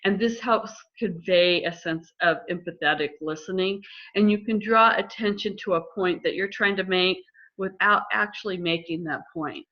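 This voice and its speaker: A middle-aged woman counselor explaining listening skills in a calm, measured way during a conversation. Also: on the low side. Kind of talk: instructive conversation. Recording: slightly dull lo-fi audio.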